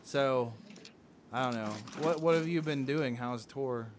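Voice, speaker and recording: A man's voice: mid-range voice, measured pace, a little hiss or hum. A man, co-hosting a casual podcast chat, rambling and swearing in a sardonic way. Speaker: podcast co-host.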